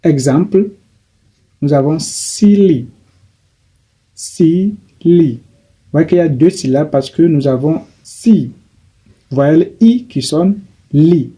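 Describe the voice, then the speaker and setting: A man teaching a grammar lesson, slowly and haltingly, repeating himself and correcting his as he goes. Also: fairly high pitch, expressive, dark tone, husky. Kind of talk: grammar lesson explaining English adjectives.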